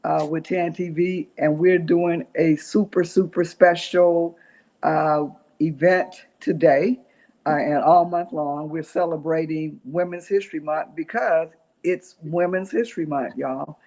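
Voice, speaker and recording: A woman hosting an interview, speaking haltingly with many fillers and restarts. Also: low voice, steady tone, warm tone. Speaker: interview host. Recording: dull lo-fi sound.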